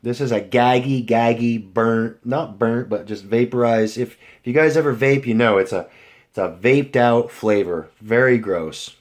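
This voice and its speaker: A man's voice: mid-range voice, unhurried. A young man rambling casually to his viewers, full of fillers and restarts. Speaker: vlogger. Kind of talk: rambling casual vlog chat.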